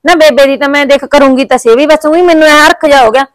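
An actress playing a quick-tongued village wife and daughter-in-law in a family drama, speaking in a rapid, complaining, chatty way. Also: female voice, high-pitched, dry recording, lightly acted.

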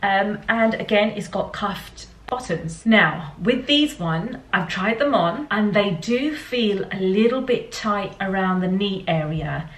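A young woman with a Yorkshire accent talks casually about her clothing purchases, chatty and easygoing. Her voice sits at an ordinary pitch and is picked up from a step back in a roomy home space. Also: lively intonation, slow pace, few pauses. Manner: chatty, with light laughs and small restarts. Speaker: fashion vlogger. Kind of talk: casual try-on haul talk. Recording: roomy, slightly distant home recording.

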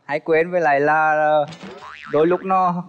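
A man's voice: a little high, fairly even intonation, normal speed, lo-fi sound. A man in his twenties, from Vietnam, introducing himself politely as a dating show contestant, with many hesitant fillers. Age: 20s. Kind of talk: casual chat.

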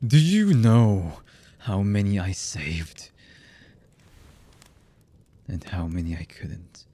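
Playing a cold, bitter villain for an ASMR roleplay, a male voice actor sounds husky, low and mellow, with a cold, mocking mood. He speaks haltingly and frequently drops to a murmur, keeping a menacing edge.

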